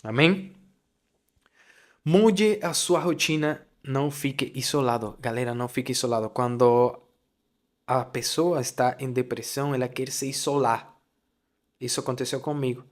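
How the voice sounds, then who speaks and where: A man's voice: mid-range voice, steady tone, normal speed. A young man in the middle of his range delivers a heartfelt faith testimony on his podcast. He talks with open emotion and hammers home his advice by repeating the same phrases. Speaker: podcast host.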